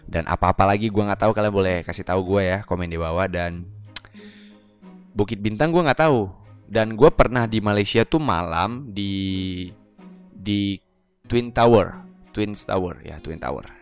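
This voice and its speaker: Young Acehnese man hosting a playful, slangy reaction vlog, low-pitched, over background music. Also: normal speed. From Aceh, Indonesia. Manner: playful, joking, slangy, chuckles often. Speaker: YouTuber reacting to videos. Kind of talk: casual reaction commentary.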